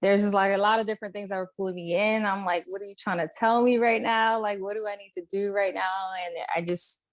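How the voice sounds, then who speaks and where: Born in Puerto Rico and raised in Brooklyn, a woman chats earnestly as a guest artist in a casual interview, filling her talk with "like" and "you know". Her voice is mid-range with fairly even intonation and a quick pace.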